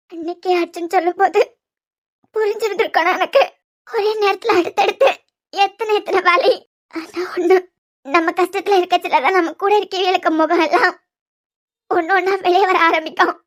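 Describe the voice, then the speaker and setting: A wounded, bitter young wife in a homemade cartoon serial, voiced by a woman. Her voice sits extremely high and thin, and she speaks in a Kanyakumari Tamil accent, soft and tearful, with a reproachful edge.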